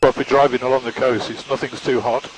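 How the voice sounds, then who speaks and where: A man's voice: mid-range voice, little pitch movement, fast talker, rough recording. A man chats casually as a passenger on a sightseeing flight, making remarks and asking questions. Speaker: tour passenger. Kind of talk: casual chat. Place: inside a flying helicopter. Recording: helicopter engine hum over intercom.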